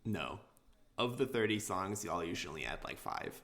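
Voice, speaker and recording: A man co-hosting a podcast, chatting casually in a hesitant, halting way with short answers. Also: sits low, very animated, vocal fry, fairly bright tone. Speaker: podcast co-host. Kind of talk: casual chat.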